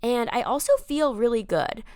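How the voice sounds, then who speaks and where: A woman's voice: a little high, animated, normal speed, heavy background noise. A young woman, a runner, giving an upbeat, chatty voice-over analysis of her own race, with casual fillers.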